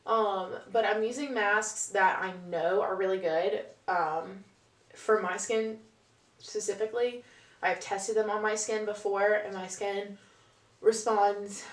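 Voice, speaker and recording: A young adult woman talking casually and candidly, like a vlogger chatting informally to her viewers. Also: medium pitch. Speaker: vlogger, bride-to-be. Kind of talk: casual confessional vlog chat.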